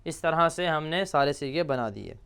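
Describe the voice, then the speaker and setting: A man teaching a grammar lesson, slowly reciting verb forms and asking and answering his own questions. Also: a little high, lively intonation, gravelly, fairly bright tone, clean tone. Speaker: teacher of Arabic morphology.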